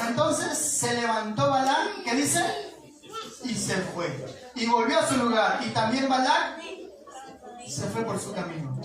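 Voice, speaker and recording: A woman with an Argentine accent preaching a sermon, retelling a scripture story in a casual way with chuckles and asides. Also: on the high side. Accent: Argentine Spanish. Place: church hall. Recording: echoey church hall, distant mic, congregation. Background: congregation answering amen.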